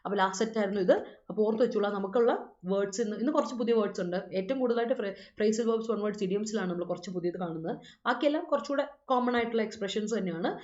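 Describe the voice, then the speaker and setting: A woman's voice: mid-range voice, rapid-fire, a little mellow. Teacher woman, roomy. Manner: mixes Malayalam and English, reads students' comments aloud and corrects them; repeats reminders to remember. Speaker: English vocabulary teacher. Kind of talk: live online class explaining English words. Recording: roomy, dull-sounding room recording.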